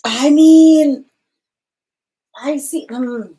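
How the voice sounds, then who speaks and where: Her warm, high-pitched voice moves very slowly as she gives a tarot reading on a live stream. She muses aloud, reads out comments from viewers, and repeatedly restarts her sentences.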